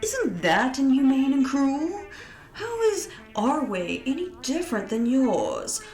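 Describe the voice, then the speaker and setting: A woman voicing a cold, mocking male alien invader who speaks slowly and taunts his captives. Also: sits high, sing-song, a little mellow, reverberant, soft background music, voice pushed up, exaggerated voice. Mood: menacing. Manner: slow, sneering, taunting.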